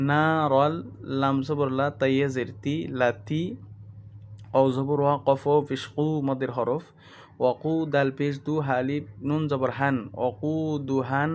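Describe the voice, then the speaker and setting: A man's voice: mid-range voice, slight background noise. Methodical male Quran recitation teacher. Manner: slow drawn-out chanting when reciting whole verses; patient methodical explaining in Bengali. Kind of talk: spelling out Quranic Arabic letter by letter.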